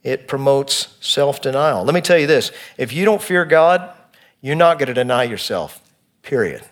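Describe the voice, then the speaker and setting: A man's voice: fairly high pitch, very animated, normal speed. A man preaching a sermon in church, counting off his points and reading scripture with emphasis. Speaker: pastor.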